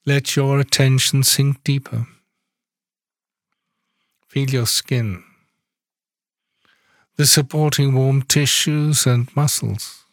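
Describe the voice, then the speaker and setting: Male meditation guide, unhurried and soothing, mid-pitched voice, dry close sound. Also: no room sound. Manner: calm, soft-spoken instructions with long pauses.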